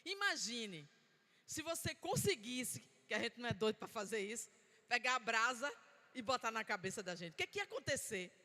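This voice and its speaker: A woman's voice: fairly high pitch, very animated, moderate pace, bright, forceful tone. A woman from Bahia, preaching a sermon and prompting the congregation to answer her. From Bahia, Brazil. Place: church sanctuary. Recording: long church-hall reverb.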